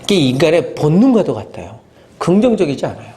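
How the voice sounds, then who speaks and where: A man preaching a sermon as pastor, animated, acting out inner voices and asking the congregation questions. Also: a little high, quick pace.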